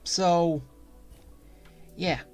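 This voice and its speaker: A gaming streamer chats casually while playing, with music in the background. He rambles and grumbles a little, as if thinking aloud. His mid-range voice stays steady, and he draws out his words.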